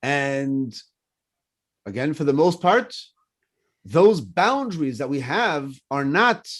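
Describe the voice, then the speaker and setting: During a morning class, a rabbi in his fifties whose native language is French teaches with animation, his somewhat high voice rising and falling. Personal stories and questions aimed back at his listeners fill the lesson.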